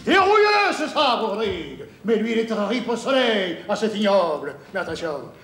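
A man playing a proud aging father whose honor has been wounded. He is grandiloquent and swings between shouting and mumbling. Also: high-pitched, expressive, normal speed, reverberant, a little hiss or hum. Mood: urging. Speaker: sitcom actor playing a father in a stage parody. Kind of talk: theatrical comic acting.

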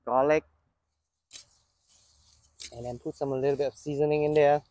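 Walking through his outdoor vegetable garden with a handheld phone, a gardening channel host harvests and chats casually about what he sees. His voice is a little high and his pace normal. He stays relaxed, pointing things out as he walks and picks.

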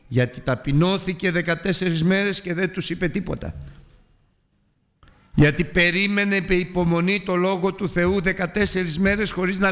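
A man's voice: high voice, fairly bright tone. A man preaching a Sunday sermon, emphatic, asking rhetorical questions and drawing out key words.

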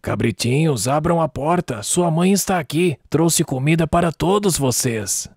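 A rough, growling cartoon wolf, sly and greedy, played by a woman who drops her voice well below her own. He talks in a husky, menacing, scheming way over soft background music, and the pitch swings widely as he speaks. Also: expressive, unhurried, no room sound, heavily acted. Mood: gruff, scheming. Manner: menacing, tricky.

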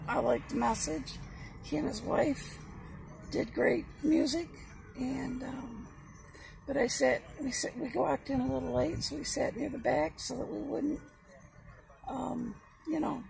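Woman vlogger, casual rambling chat, losing her voice, heavy vocal fry, noticeable background noise. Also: high-pitched. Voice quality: gravelly, creaky voice. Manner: rambling, with many ums and restarts.

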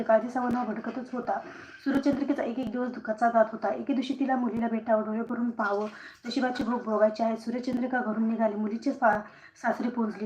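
Woman storyteller, devotional tale, steady rhythmic telling, fairly high voice, roomy echo. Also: muffled recording. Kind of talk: devotional story narration, live stream. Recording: roomy echo, faint noise.

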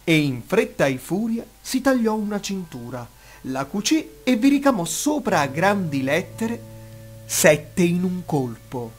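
A man telling a bedtime fairy tale with a fairly high and very animated voice. His reading is expressive and full of life. Soft instrumental music plays quietly behind him. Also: moderate pace. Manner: expressive, lively storytelling. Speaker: storyteller.

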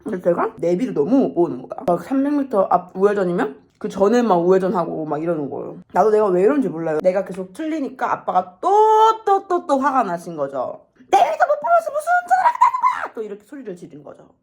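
A young woman in her twenties chatting casually in a vlog, telling stories with expressive swings in her voice. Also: mid-range voice, fast, few pauses. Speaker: vlogger.

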